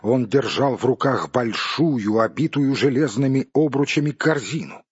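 Male audiobook narrator, measured, husky, dry dull recording. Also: mid-range voice, expressive, no room sound. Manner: measured storytelling.

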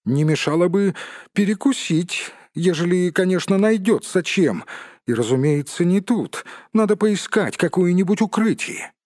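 Audiobook hobbit: small grumbling male creature, pitched up and husky, as a male reader puts it on. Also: lively intonation, measured pace, darkish tone. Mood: hungry. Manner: high complaining exclamations.

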